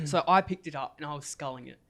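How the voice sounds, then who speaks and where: A young man with a slightly high voice hosts a casual podcast chat. He rambles through his stories and often breaks into laughter. His talk is loose and friendly. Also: brisk, a bit bright. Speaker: podcast host.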